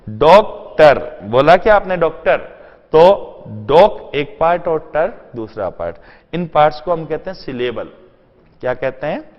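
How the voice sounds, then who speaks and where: A man's voice: on the high side, big pitch swings, measured pace. A male teacher gives an exam-prep lesson, firing rhetorical questions at his class and answering them himself. He slips English terms and whole sentences in among his words. The sound is muffled and lo-fi, with a long reverb trailing off the walls.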